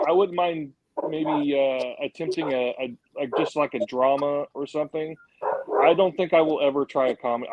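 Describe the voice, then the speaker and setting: A man's voice: fairly high pitch, noisy background. A man, a film director guest on a podcast, answering modestly and hesitantly, with many stumbles and restarts. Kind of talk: casual interview.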